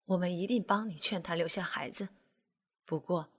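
A woman voicing a scheming middle-aged male aide who speaks in a hushed, coaxing way in an audiobook scene. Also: mid-range voice, lively intonation, measured pace, husky, exaggerated voice. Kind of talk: audiobook character voice.

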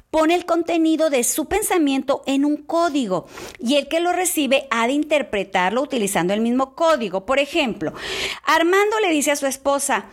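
A female teacher gives a lively talk about communication between couples. Her voice is high, loud and strong, and she addresses her audience directly.

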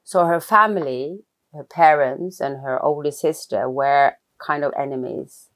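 Woman, low and reflective. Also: unhurried. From Norway. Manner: thoughtful, hesitant, many restarts. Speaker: guest, film writer-director. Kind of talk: reflective personal interview.

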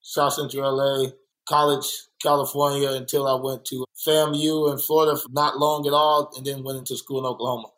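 A man's voice: medium pitch, a little fast, low-quality recording. A man from Los Angeles, an artist guest in a casual interview, speaking candidly and telling stories from his life. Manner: candid, storytelling, animated when quoting others. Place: art workspace.

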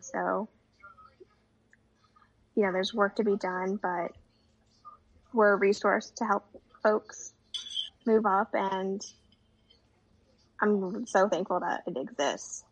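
Talking casually as a guest, a young woman from the United States fills her speech with fillers in a chatty way. Her husky, medium-pitched voice is slow and pauses often, and the audio is dull and lo-fi.

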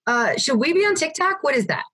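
A woman's voice: sits high, big pitch swings, fairly quick, background noise. A woman in her thirties hosting a podcast, chatty and telling stories with a laugh. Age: 30s. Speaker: podcast host. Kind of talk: casual podcast interview.

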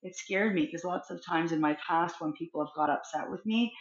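Middle-aged woman, counsellor guest, lowish voice, expressive and thoughtful, kinda dull lo-fi audio. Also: fairly quick. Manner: expressive, reflective, acts out little scenes. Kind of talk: conversational interview. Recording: roomy, dull lo-fi sound.

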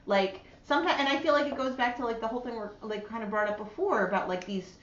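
A woman's voice: a little high, fast talker, fairly bright tone. Chatty woman host, full of fillers. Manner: rambling, heavy with "like" fillers. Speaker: podcast host. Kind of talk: casual podcast interview. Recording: roomy, dull lo-fi sound.

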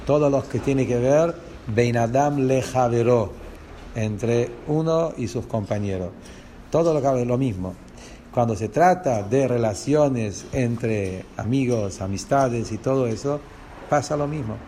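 A man's voice: medium pitch, a little slow, dark tone, slight background noise. A man with a Rioplatense Spanish accent teaching a lesson on a religious text. He explains step by step and asks the class rhetorical questions.

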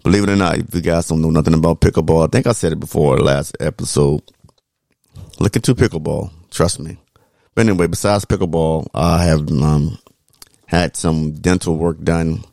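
A man's voice: rumbling low, steady tone, moderate pace, creaky, darkish tone, no room sound. A man co-hosting a podcast in casual, colloquial, laid-back chat, his speech slightly slobbery around dental braces. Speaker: podcast co-host.

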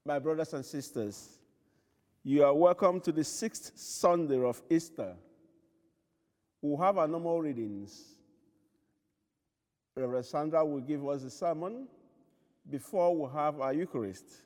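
A man leading a church service as priest, speaking formal liturgy and prayers in a measured, solemn way with a cathedral-like echo. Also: a little high, darkish tone. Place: large reverberant church.

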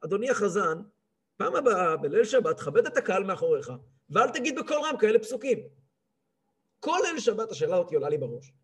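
A man in his thirties, a rabbi giving a lively weekly lesson, who acts out a cantor's chanting and scolds him. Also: high-pitched, slightly rough. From Israel. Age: 30s. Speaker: rabbi teaching a weekly class.

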